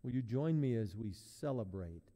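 Man, pastor, mellow tone, measured prayerful delivery, long echoing church reverb. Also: medium pitch, expressive. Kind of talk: sermon and communion liturgy. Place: large church sanctuary. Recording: long reverb in a large hall.

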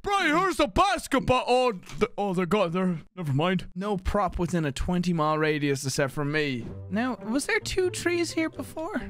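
A man's voice: high voice, very animated, moderate pace, hardly any pauses. A man chatting casually with friends while playing a video game. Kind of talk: casual gaming banter. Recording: music behind the voice.

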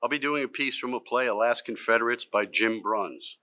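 Older man, auditioning actor, formal slate, bright forceful voice. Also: medium pitch, brisk. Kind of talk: brief formal audition introduction. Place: theatre stage, indoors.

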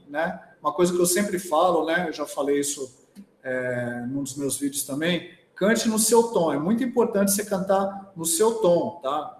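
High-voiced Brazilian man in a roomy echo. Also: a little mellow. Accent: Brazilian Portuguese. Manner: chatty, often tags sentences with "né?". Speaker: voice teacher and singer. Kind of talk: live-streamed talk on singing.

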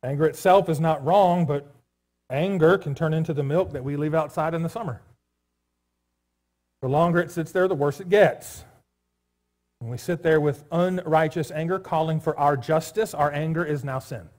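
A man's voice: fairly high pitch, moderate pace, a little mellow. A pastor giving a sermon in a church, talking casually to his congregation with jokes and asides. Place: church sanctuary.

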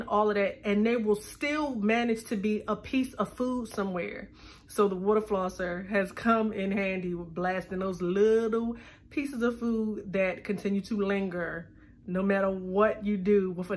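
A woman talking with braces, chatting casually to her viewers. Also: medium pitch. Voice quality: slight lisp. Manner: chatty, addresses viewers as y'all. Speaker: vlogger. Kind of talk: casual chat to camera.

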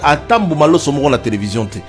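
A man giving an emphatic, lively sales pitch styled as a news bulletin. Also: quick pace, soft background music. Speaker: advertisement presenter.

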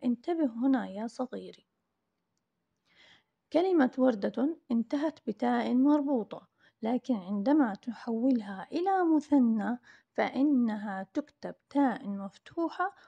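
A woman teacher reviewing grammar for young pupils, drawing words out slowly and praising often in a recorded lesson. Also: a little high, lively intonation, gravelly, husky, highs cut off. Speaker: primary school teacher.

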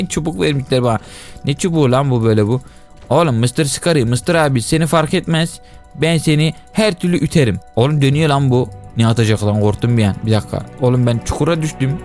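A man commenting on his own game as he plays, animated and quick to shout and yelp when scared. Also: medium pitch, soft background music. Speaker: gaming YouTuber. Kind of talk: excited gameplay commentary.

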